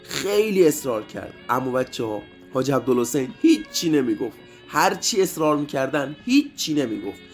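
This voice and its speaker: Man telling a war story to children. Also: mid-range voice. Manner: lively, addressing children directly. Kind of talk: storytelling narration. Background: faint music.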